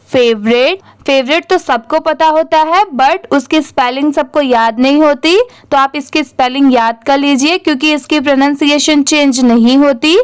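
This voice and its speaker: A young woman with an Indian accent leads a reading lesson, spelling each word letter by letter and then saying it whole. Her voice sits high and she takes her time. The sound is close and dry. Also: no echo. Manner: spells words letter by letter, then says them; asks and answers her own questions. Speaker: English teacher. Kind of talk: slow step-by-step reading lesson.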